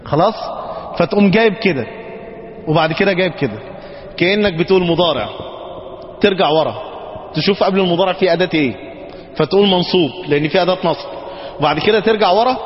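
A man's voice: high voice, fast, pauses often. A man with an Egyptian Arabic accent teaching grammar to a class, checking in with them again and again. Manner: checks often with the class, coaxing. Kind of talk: classroom lesson. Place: mosque teaching hall. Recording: dull sound, long reverb in a hall, faint noise.

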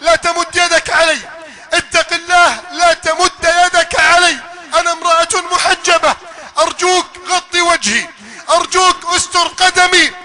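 A man's voice: very high-pitched, steady tone, normal speed, sharp tone, a faint crowd, voice pushed up, heavily acted. A man preaching a sermon and voicing a dying, pious woman who pleads insistently. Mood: pleading.

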